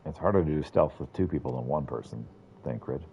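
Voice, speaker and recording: A man's voice: rumbling low, fairly quick, gravelly, warm tone, muffled recording, a little hiss or hum. A man casually narrating and commenting on his video game playthrough. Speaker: game streamer reading and commenting. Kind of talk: casual playthrough narration and character read-aloud.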